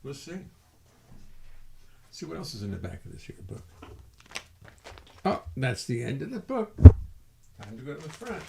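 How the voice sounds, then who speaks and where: Rambling older man with gravelly voice. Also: medium pitch, wildly swooping pitch, moderate pace, long pauses, heavy background noise. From American South. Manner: rambling, self-mocking, sings folksy tunes. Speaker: bassist and singer. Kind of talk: live-stream chat and song. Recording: roomy sound with loud music behind.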